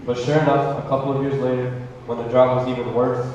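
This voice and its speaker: A man plays a sincere brother telling his family story plainly, like a stage skit. The voice sits at an ordinary pitch. It is caught from far off in a big, ringing hall with a slightly dull sound. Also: little pitch movement, fast talker, darkish tone, slight background noise, lightly acted. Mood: earnest. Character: man retelling his life, forgiving his brothers. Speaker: skit actor. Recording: echoey hall, distant mic.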